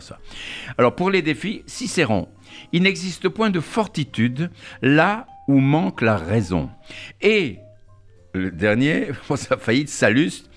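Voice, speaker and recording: A man hosting a radio interview show, formally reading out a long introduction of his guest with some hesitations. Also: medium pitch. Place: radio studio.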